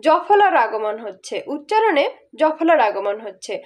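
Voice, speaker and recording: Brief: woman online tutor, high voice, animated, rhetorical questions. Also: moderate pace. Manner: explains step by step, asks rhetorical questions. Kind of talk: grammar lesson.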